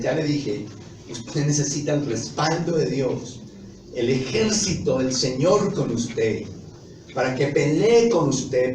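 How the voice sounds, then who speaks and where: Male preacher, emphatic, somewhat high voice, recorded from afar in an echoey church with noise. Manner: emphatic, rising to loud exclamations; asks the congregation questions. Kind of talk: sermon. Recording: echoey hall from a distance, noisy.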